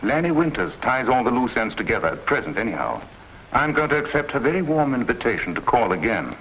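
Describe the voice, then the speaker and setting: An actor playing a shrewd police inspector in a 1950s TV crime drama, measured, dry and quietly probing. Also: male voice, mid-range voice, sing-song, slight background noise. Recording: dull lo-fi 1950s TV soundtrack.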